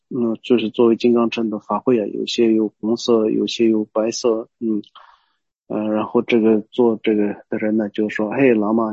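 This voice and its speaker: A man giving a Buddhist teaching as a story, hesitant, pausing often and explaining as he goes. The recording is dull and lo-fi. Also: medium pitch, darkish tone, husky, no room sound. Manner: hesitant, many pauses and restarts, explaining as he goes.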